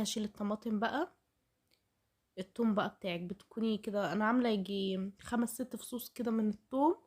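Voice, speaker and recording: Her medium-pitched voice is a little mellow, though a heavy cold has changed its sound. Speaking with an Egyptian Arabic accent, the home cooking vlogger casually chats her viewers through a recipe, addressing them head-on.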